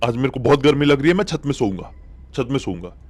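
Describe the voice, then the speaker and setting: A man's voice: mid-range voice, expressive, quick pace, darkish tone, close to an everyday voice. A man voicing a scared teenage boy in a storybook horror tale, talking in a pleading, defensive way. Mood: sulky.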